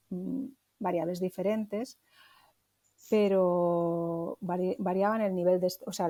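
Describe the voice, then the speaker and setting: A woman from Barcelona, Spain, co-hosts a casual podcast in a mellow, mid-range voice. She comes across as thoughtful and hesitant, often rephrasing partway through a sentence.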